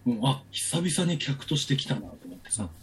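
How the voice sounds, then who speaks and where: A man's voice: mid-range voice, very animated, a little fast, slightly rough. A man in his forties telling a long personal story in casual chat, with many fillers and restarts.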